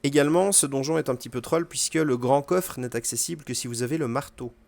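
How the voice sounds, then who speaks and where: This man hosts a gaming video, his medium-pitched voice creaky and free of echo. He talks through the run casually, using fillers and firing brief asides at the game.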